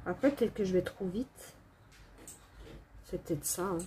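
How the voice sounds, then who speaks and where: A woman's voice: on the low side, a little slow, warm tone, slight background noise. A middle-aged woman with a cold, chatting casually and apologetically while coloring at home, with many fillers and hesitations. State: sick with a cold, coughing. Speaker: coloring video creator.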